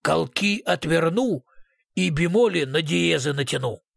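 A man's voice: fairly high pitch, lively intonation, unhurried, creaky, a bit bright, no room sound, clean studio sound, full character voice. A man voicing a brutal male police investigator who switches between sugary politeness and snarling threats.

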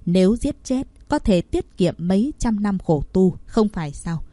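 A woman voicing a shadowy male assassin guild boss who speaks in a cold, scornful, husky tone, read from a storybook. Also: medium pitch, lively intonation, measured pace, warm tone, dry recording, lightly acted. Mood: cold, scheming.

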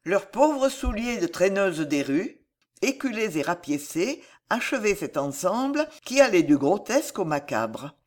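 A woman narrating a historical novel as an audiobook reader, in measured, expressive storytelling. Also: mid-range voice.

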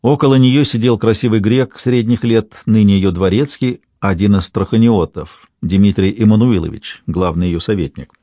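Brief: male narrator, calm measured historical-novel read, low voice, dry booth. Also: no room sound. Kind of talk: scripted audiobook narration.

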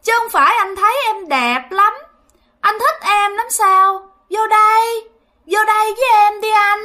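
A woman's voice: very high voice, a little slow, pushed and bright, pitched above the performer's own voice, exaggerated voice. A woman voicing a ghostly young woman who coaxes a man to come inside, in a Southern Vietnamese accent. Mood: coaxing.

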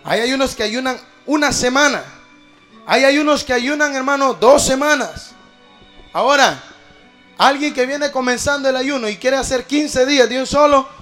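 A man's voice: extremely high pitch, a bit bright. A pastor preaching a sermon, calling his listeners brother and rising in force at times.

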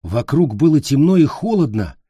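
A man reading a story aloud as measured, scripted narration. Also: fairly high pitch, sing-song, dark tone, husky, no echo. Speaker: audiobook reader.

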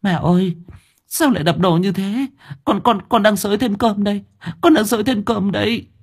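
A man's voice: high voice, moderate pace, husky, pitched above the performer's own voice. A man voicing a frightened middle-aged daughter-in-law who pleads anxiously and tearfully. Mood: pleading.

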